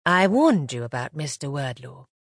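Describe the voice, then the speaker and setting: Woman reading as a soft husky elegant headmistress, calm and scolding, kinda low, dry sound. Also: normal speed, no echo. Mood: reproving.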